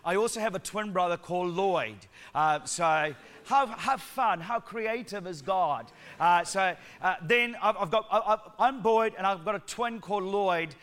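A guest preacher with a Sri Lankan accent blended with New Zealand delivers a lively, joke-filled sermon in church, urging the congregation to respond. His voice is high and a little slow, with few pauses.

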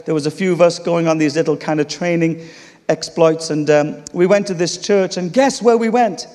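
A man with an English accent and a slightly high voice preaches a sermon at a normal speed. He opens with a funny story, animated and punctuated by laughter, before moving into teaching. The long reverb of a large hall surrounds him.

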